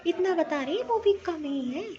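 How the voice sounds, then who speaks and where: A woman's voice: very high voice, animated, moderate pace, muffled recording, crowd noise. A woman voicing a cheerful young newlywed bride who speaks earnestly about her new in-laws. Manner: earnest, emphatic.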